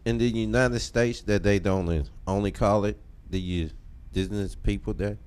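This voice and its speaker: A man co-hosting casual talk radio who cuts in with playful, quick questions. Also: on the low side, fairly even intonation, darkish tone, clean tone. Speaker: co-host.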